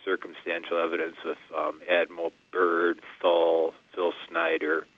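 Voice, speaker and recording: A man phones into a late-night radio show on a landline, his voice thin and tinny down the line. He talks in a low, flat register, halting and padding with fillers as he goes. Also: dry recording. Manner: halting, loose chatty phrasing with fillers. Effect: over a landline phone. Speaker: radio call-in caller. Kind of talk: casual call-in chat.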